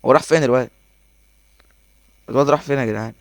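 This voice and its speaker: Fast-talking Egyptian gamer man. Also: mid-range voice, dry recording. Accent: Egyptian Arabic. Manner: excitable, laughs often, talks to himself. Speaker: gaming YouTuber. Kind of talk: live gameplay commentary.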